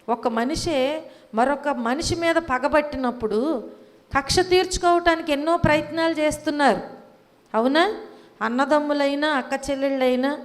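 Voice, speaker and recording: A woman preaches a sermon in a high voice and a slow, deliberate rhythm. She keeps asking the congregation questions and repeats her key phrases for emphasis. Her voice carries a long reverb from the church hall.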